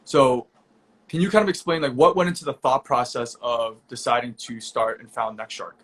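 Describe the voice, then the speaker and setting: A young man hosts an online conversation over a video call, his voice sitting in an ordinary middle pitch. He talks casually and upbeat, filling gaps with ums and quick restarts. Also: fairly even intonation, a bit bright, husky. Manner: casual, upbeat, with frequent fillers. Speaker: host. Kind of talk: virtual event interview.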